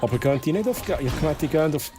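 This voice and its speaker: A man's voice: on the high side, lively intonation, very fast, over music. A man with a Swiss German accent streaming a game, chatting casually with viewers, laughing often and reading the game's text aloud. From Switzerland. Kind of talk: casual gameplay commentary.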